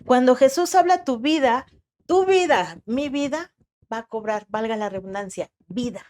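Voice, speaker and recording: A woman preaching a sermon with a Mexican Spanish accent, slow and dramatic, acting out the voices she quotes. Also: fairly high pitch, animated, a little mellow.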